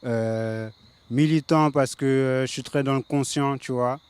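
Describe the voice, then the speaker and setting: A reggae singer from the Paris suburbs, a man in his late thirties, chats in a laid-back casual interview full of fillers. His mid-range voice is unhurried and fairly even in intonation, a little mellow, with a clean tone.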